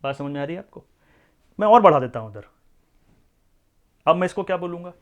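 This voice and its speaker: A man teaching a maths class in a voice pitched a little above most men's. He works through each point patiently and keeps checking whether the students follow. He switches into English to read out the numbers. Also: lively intonation, brisk, muffled recording. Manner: explains step by step, often asks the class questions. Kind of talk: classroom lecture.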